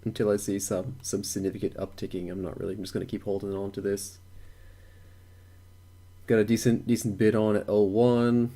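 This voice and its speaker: A man's voice: on the low side, level tone, a little fast, warm tone. A young man thinking aloud while day trading on a live stream, repeating words and chuckling to himself.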